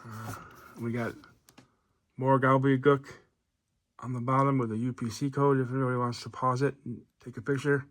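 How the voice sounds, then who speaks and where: A man casually reviewing an action figure, relaxed and rambling with lots of fillers and restarts. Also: medium pitch, normal speed, long pauses, no room sound. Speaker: toy reviewer.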